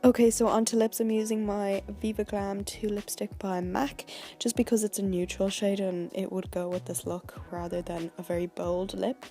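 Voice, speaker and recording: A woman's voice: medium pitch, little pitch movement, moderate pace, mellow, faint music behind. A woman beauty vlogger narrating a tutorial in a casual, chatty, informal way.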